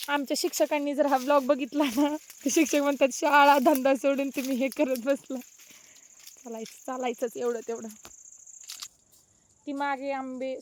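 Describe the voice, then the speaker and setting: Young marathi girl vlogging on a farm, high voice, teasing and joking, outdoors. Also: a little hiss or hum. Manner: playful teasing, mixes Hindi and English. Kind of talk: casual vlog chat.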